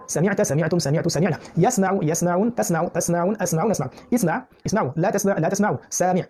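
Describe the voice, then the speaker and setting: A man teaching a classroom review lesson on Quranic Arabic, drilling word lists in quick repetitive chants. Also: sits high, mellow, breathy edge.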